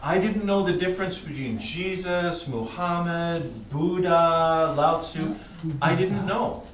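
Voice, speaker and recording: Male testimony speaker, Western Canadian accent, unhurried short phrases, slightly high voice, roomy distant sound. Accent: Western Canadian English. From British Columbia, Canada. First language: English. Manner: pauses between short, plain phrases. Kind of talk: personal testimony told in short phrases for translation. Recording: distant mic in echoey room, faint noise.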